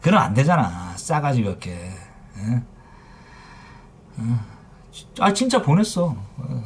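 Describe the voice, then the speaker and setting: A man's voice: mid-range voice, big pitch swings, takes it slowly, slightly rough. A middle-aged man running a phone repair shop livestream, telling heated stories in a blunt, profane way. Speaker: phone repair shop owner streaming live. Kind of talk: casual livestream rant.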